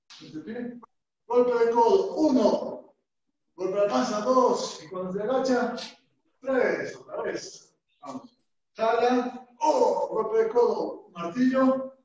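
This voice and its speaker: A man with a strikingly high voice leads a martial arts class, counting reps and barking short commands. He speaks slowly and deliberately. The sound is dull and far from the mic, with a heavy room echo. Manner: counts drills aloud and calls out brisk commands. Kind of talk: teaching a live online class.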